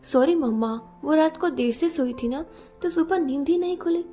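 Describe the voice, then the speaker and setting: A woman's voice: sits high, normal speed, dark tone, soft background music, pitched above the performer's own voice, close to an everyday voice. A woman voicing a chatty young sister in a narrated storybook, casual and breezy.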